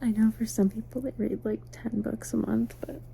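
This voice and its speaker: A woman giving a soft, sleepy, casual ASMR ramble, mostly in a breathy whisper, unhurried and intimate as if talking to the listener. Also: fairly high pitch, level tone, a little hiss or hum, poor audio. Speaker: ASMR host. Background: faint night ambience, crickets outside.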